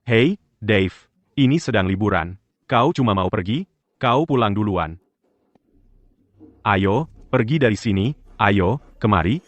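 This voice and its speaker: A man's voice: on the low side, lively intonation, a little slow, long pauses, lo-fi sound. A man dubbing an arrogant bully with a broken leg, sneering and threatening. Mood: bossy. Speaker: dub actor. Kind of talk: dubbed drama acting.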